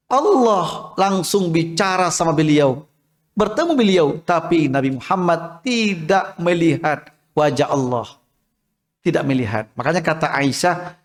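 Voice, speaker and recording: A man preaching a mosque sermon in a storytelling way, often asking the women listening questions and acting out quoted voices. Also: on the high side. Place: mosque hall. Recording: long reverb of a hall.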